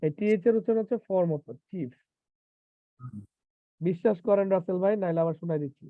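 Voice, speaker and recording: A man teaching an IELTS class live online, lively and teasing, mixing English terms into casual speech. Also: high voice, a little fast, no echo. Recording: tinny phone-like online call, dry.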